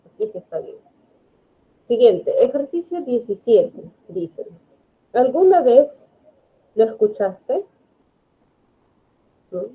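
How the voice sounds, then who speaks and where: A woman's voice: mid-range voice, husky. A woman English teacher, explaining grammar patiently in an online class and checking understanding often. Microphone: video call. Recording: phone-like online call audio.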